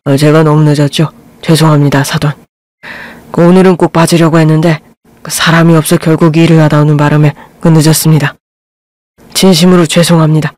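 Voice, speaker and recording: A woman's voice: sits low, little pitch movement, fairly quick, darkish tone, no room sound, voice pushed down, lightly acted. A woman voicing a humble, apologetic working father of the bride who speaks politely.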